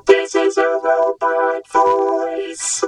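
A man speaking through a vocoder, turning his voice into a booming metallic robot during a synth demonstration. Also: faint music behind. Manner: slow, drawn-out robotic monotone. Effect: vocoder robot voice, metallic and low. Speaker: synth gear reviewer. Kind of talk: product demonstration. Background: faint synth chords.

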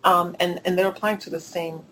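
A woman's voice: on the low side, little pitch movement, a little fast, pushed and bright, slight background noise, poor audio. A woman giving conversational, emphatic answers as an interview guest, repeating phrases for stress. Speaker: guest, school admissions consultant.

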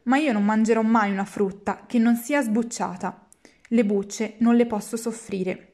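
A woman's voice: on the high side, a little slow, darkish tone. A woman voicing a whiny, hungry wooden puppet boy who pleads and complains. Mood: fussy stubborn. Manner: whining, petulant pleading.

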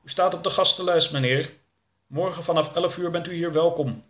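A man's voice: on the high side, fairly even intonation, moderate pace, fairly bright tone, roomy sound, pitched above the performer's own voice, close to an everyday voice. A man voicing a polite, formal male event organizer. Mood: courteous. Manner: courteous, formal.

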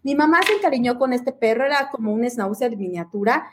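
High-voiced Mexican woman telling anecdotes. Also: brisk, noisy background. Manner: lively storyteller, mimics family voices. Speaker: talk show host. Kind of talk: casual chat, comic anecdote.

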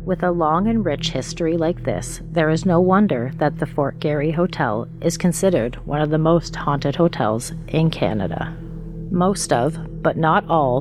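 A woman reading a scripted, documentary-style ghost story in a measured, even storytelling manner. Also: deep voice. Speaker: narrator of haunted-place stories.

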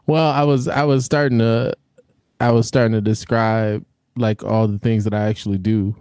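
A man's voice: fairly low pitch, little pitch movement, normal speed, darkish tone, clean tone, no echo, clean studio sound. A man co-hosting a relationship podcast, talking casually, teasing his co-host and laughing often, with stumbles and restarts. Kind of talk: casual chat.

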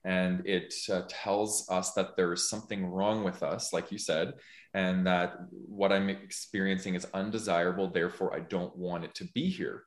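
A man's voice: low voice, flat delivery, normal speed. A man hosting a podcast, talking in a thoughtful, earnest way as he works through an idea, often restarting his sentences. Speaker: podcast host. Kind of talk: casual conversational chat. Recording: echoey room.

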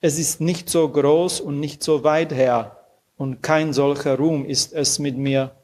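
A man reading aloud and voicing a humble older brother who speaks gently and soothingly. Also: fairly high pitch, steady tone, slow pace. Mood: tender.

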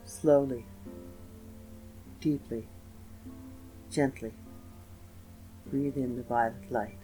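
A man narrating a scripted guided meditation in a slow, gentle, soothing manner with pauses. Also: medium pitch, fairly even intonation, rough recording. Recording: voice over meditation music. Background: soft instrumental music with guitar.

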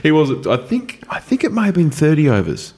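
A man's voice: fairly high pitch, huge pitch swings, a little fast, a little mellow, a little hiss or hum. A man with an Australian accent hosting a casual podcast, bantering and rambling in a jokey way. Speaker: podcast host. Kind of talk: casual chat.

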